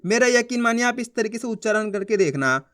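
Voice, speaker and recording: A man teaching Hindi reading in an online lesson, slowly sounding out syllables, getting louder on them, and often asking if it is clear. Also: extremely high pitch, expressive. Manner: slow, stretched syllable-by-syllable sounding out; repeats questions to check understanding.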